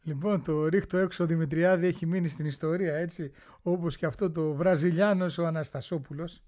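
A male host telling a sports story in a chatty way, often pausing on drawn-out hesitations. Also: on the high side, steady tone, darkish tone. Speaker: radio and TV show host. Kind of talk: storytelling talk-show narration.

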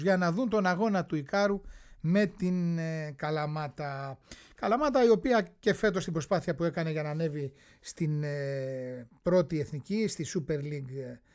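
A male host telling a sports story in a chatty way, often pausing on drawn-out hesitations. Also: high-pitched. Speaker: radio and TV show host. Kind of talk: storytelling talk-show narration.

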